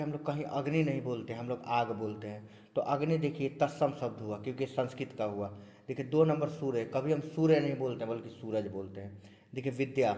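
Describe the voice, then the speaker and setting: A man's voice: medium pitch, darkish tone. A man teaching a grammar lesson to students, repeating key points and urging them to remember. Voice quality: repetitive, drills points with frequent 'dekhiye'. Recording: long hall reverb.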